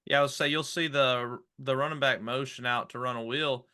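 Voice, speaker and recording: Male football analyst with an average-pitched voice, casual play breakdown, halting and searching delivery. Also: steady tone, sharp tone. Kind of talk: casual sports commentary.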